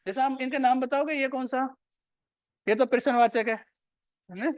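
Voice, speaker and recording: A man's voice: extremely high pitch, moderate pace, dry recording, dull audio. A male teacher giving a classroom grammar lecture, repeating key points and quizzing his students.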